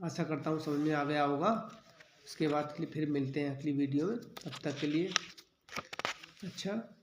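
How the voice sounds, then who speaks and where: A male teacher giving a children's vocabulary lesson, naming each word slowly and repeating it with its meaning, often checking "theek hai". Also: a little high, reverberant, background noise.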